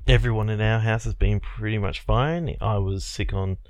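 A man's voice: on the low side, normal speed, no echo. A man in his thirties hosting a podcast, talking in a laid-back way with frequent laughs and restarts. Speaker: podcast host. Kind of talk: casual chat.

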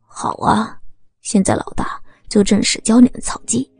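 A woman voicing a gruff, domineering older male gang boss who lectures in a low, half-whispered tone. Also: fairly even intonation, normal speed, a little mellow. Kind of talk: erotic audio story.

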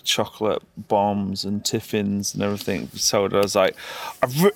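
A man's voice: on the low side, completely flat delivery, normal speed, gravelly. A man, chatting casually as a podcast co-host, easygoing and agreeable. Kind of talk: casual chat.

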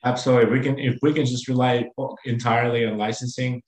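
A man speaking as a company executive in a business interview, halting with many fillers and restarts. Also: mid-range voice, level tone, echoey room, poor audio.

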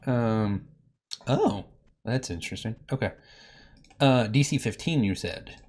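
A man's voice: fairly low pitch, lively intonation, measured pace, darkish tone, a little hiss or hum. Man, game master, tabletop game, hesitant, lots of ums, chuckles, desk mic. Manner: hesitant, chuckling, many fillers. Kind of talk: running a tabletop game over voice chat. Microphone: desk microphone.

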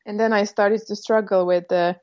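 Appearing as a podcast guest in a casual interview, a Czech woman speaks with her native accent, hesitant and thoughtful, using lots of fillers. Her voice is medium-pitched, a little mellow, and fairly even at a moderate pace, and the recording is muffled.

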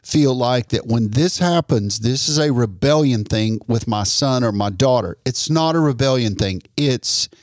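Measured, reflective male podcast host. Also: mid-range voice, animated, no room sound, studio quality. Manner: measured, reflective, affirming listener. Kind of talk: interview podcast.

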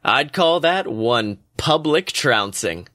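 A man's voice: mid-range voice, lively intonation, takes it slowly, bright, forceful tone, dry recording, clean studio sound. A man voicing a cheerful young male friend who mixes cocktails, upbeat and chummy.

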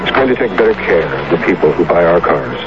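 A man's voice: low-pitched, very animated, fast. An American man playing a confident, unruffled, matter-of-fact company spokesman in a scripted radio advertisement. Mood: assured. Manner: crisp, unruffled, concise answers. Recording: noisy, muffled 1970s radio advert.

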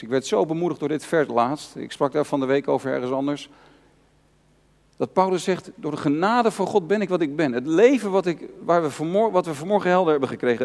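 Man, pastor, earnest sermon, emphatic repetition, reverberant church hall. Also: fairly high pitch. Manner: earnest, personal preaching with repeated emphatic phrases.

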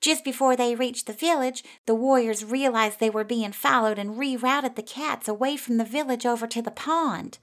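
A woman voicing a worried young female mouse villager in a storybook, urgent and high. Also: normal speed, hardly any pauses, natural voice.

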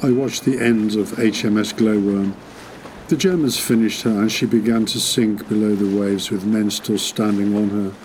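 A man's voice: on the low side, fairly even intonation, moderate pace, background noise. A man giving a first-person recollection of a wartime event, telling it in a plain, matter-of-fact way.

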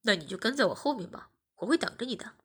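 A woman voices a smug young husband coaxing and teasing his wife. She speaks quickly at medium pitch, with lively intonation and a fairly bright, slightly rough tone.

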